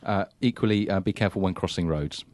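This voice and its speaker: A man co-hosting a community radio show in casual, laid-back banter, dry and full of pauses. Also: sits low, a little mellow.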